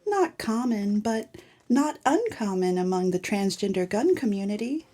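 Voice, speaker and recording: A woman playing a prim, matter-of-fact librarian in a comedic noir audio drama, with a mellow voice. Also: mid-range voice, big pitch swings, normal speed.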